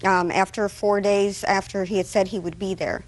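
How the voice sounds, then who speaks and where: A woman's voice: medium pitch, level tone, normal speed, poor audio. A woman of about thirty-one answering questions as a litigant in a TV court. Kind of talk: courtroom testimony.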